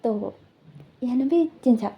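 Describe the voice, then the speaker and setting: A woman's voice: a little high, lively intonation, slow pace, gravelly. Rambling woman retelling a story. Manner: rambling with frequent fillers and restarts. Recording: dull lo-fi recording.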